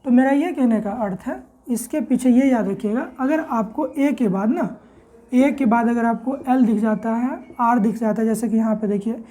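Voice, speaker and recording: A slightly high, mellow-voiced woman leads a classroom-style lesson on English pronunciation. Words get spelled out slowly letter by letter, and she raises questions before supplying the answers herself.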